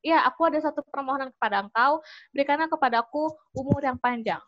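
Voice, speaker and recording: A woman's voice: high-pitched, quick pace, fairly bright tone, lo-fi sound, a little hiss or hum, voice pushed up. A woman voicing a poor male farmer from a myth, humbly asking a god for a long life. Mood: pleading.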